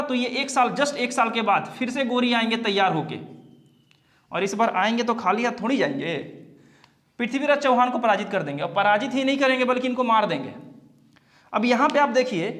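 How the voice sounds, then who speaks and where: A man's voice: very high-pitched, fairly bright tone. A man teaching an exam-prep history lesson, posing questions and then answering them himself. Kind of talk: classroom lecture.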